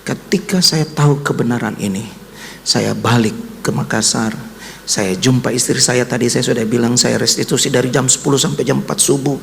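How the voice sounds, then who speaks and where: A man's voice: normal speed, creaky, fairly bright tone, in a large hall, slight background noise. A man preaching a sermon with a personal testimony, speaking emotionally and addressing the listeners directly. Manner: emotional, voice rising to high cries when quoting his son. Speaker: pastor.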